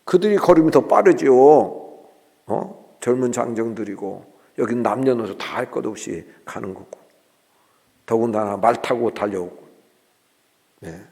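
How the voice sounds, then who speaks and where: A senior pastor preaching a sermon in a church, telling the story in a lively way and acting out the people in it, often calling to the congregation for a response. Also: male voice, medium pitch, unhurried, vocal fry, long pauses. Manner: animated storytelling, acting out voices of biblical figures. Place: church sanctuary. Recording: long reverb of a church hall.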